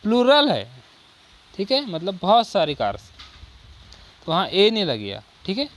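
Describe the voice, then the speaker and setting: High-voiced grammar teacher. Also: male voice, huge pitch swings, a bit bright. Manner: drills with repeated rhetorical questions and "ठीक है"; reads English example sentences slowly. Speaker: coaching teacher. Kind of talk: Hindi grammar lesson on English articles.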